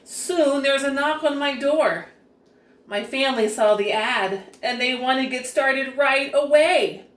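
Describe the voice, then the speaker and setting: Her voice sits high as she reads a storybook aloud at a measured pace, expressive and carefully enunciated for small children. The distant mic gives the recording a roomy echo.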